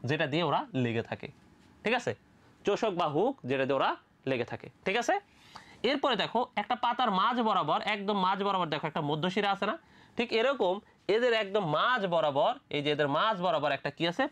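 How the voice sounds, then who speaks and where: A quick-talking tutor from Bangladesh teaching biology for medical admission. The voice swoops up and down constantly, firing questions at the class and answering them right away. Casual, playful asides keep the lecture moving. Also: medium pitch, a bit bright.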